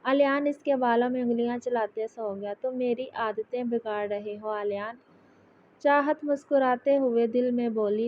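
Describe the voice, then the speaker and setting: A woman's voice: on the high side, muffled recording, a little hiss or hum. Woman narrating a romance novel. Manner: steady storytelling read-aloud. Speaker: novel reader.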